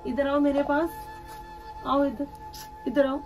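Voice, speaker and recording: Woman, charity vlogger; gentle, coaxing delivery, a touch high-pitched; music bed behind. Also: flat delivery, slow. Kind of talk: emotional charity vlog, talking to camera and to children. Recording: music playing underneath.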